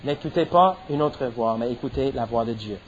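A middle-aged pastor preaches a sermon, stressing his points with rising emphasis and punctuating them with repeated amens. He speaks at a moderate pace in a mid-range voice. The audio is dull, with slight background noise.

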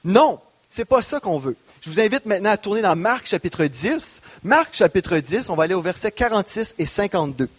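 A man's voice: high voice, big pitch swings, fairly quick, husky. A man, preaching a sermon as pastor, asking the congregation questions. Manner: preaching with rising emphasis and rhetorical questions.

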